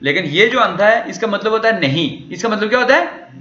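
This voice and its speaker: A man's voice: sits high, animated, a little fast, bright, forceful tone. A man teaching a language lesson, walking through a recorded dialogue and repeatedly asking questions that he answers himself. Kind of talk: lecture explaining a recorded dialogue. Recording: echoey room, dull lo-fi sound.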